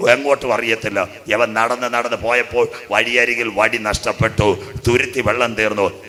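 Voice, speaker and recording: A man preaching a sermon in a lowish but bright, forceful voice. He tells the story with humour and then rises into loud preaching. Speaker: pastor.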